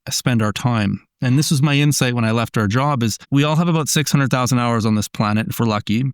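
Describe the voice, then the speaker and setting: A man's voice: medium pitch, smooth, dry recording, clean studio sound. A man as a podcast guest, explaining ideas earnestly in casual conversation, often restarting his sentences.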